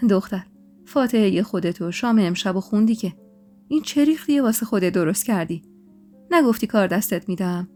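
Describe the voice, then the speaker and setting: A woman's voice: mid-range voice, expressive, darkish tone, lightly acted. Woman voicing a teasing, jealous young husband. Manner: teasing, bantering. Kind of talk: storytelling podcast. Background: faint music.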